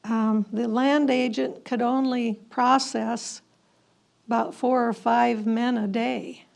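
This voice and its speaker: A woman with a slightly high voice and little pitch movement narrates history informally, commenting on historical letters as a presenter. She takes it slowly and sounds a little hesitant, clearing her throat often.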